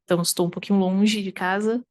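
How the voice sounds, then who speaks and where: A woman from Aracaju, Sergipe, in northeastern Brazil, appears as a guest in a casual conversational interview; she's a variety game streamer. Her accent is a slightly mixed Northeastern Brazilian one from Sergipe, and she talks fast in a steady, mid-range, darkish voice. She rambles a bit and uses frequent tag questions.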